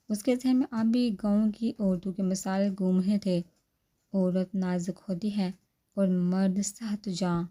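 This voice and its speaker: A woman's voice: mid-range voice, dark tone. A woman narrator steadily reading a romance novel aloud.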